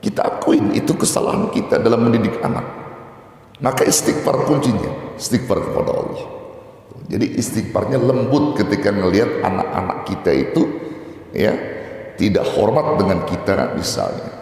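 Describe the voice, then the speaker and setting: A man's voice: on the low side, moderate pace. Man preaching in an echoey hall. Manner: colloquial, animated preaching with mock-angry quotes. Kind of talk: sermon.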